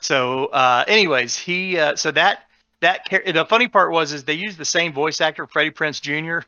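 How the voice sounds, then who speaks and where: A man with a bright, forceful voice chatting on a podcast, rambling through restarts and warming up as he explains. The recording is dull and dry. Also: a little high, moderate pace, no room sound. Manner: rambling, many restarts, animated when explaining. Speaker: podcast co-host. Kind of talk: casual chat.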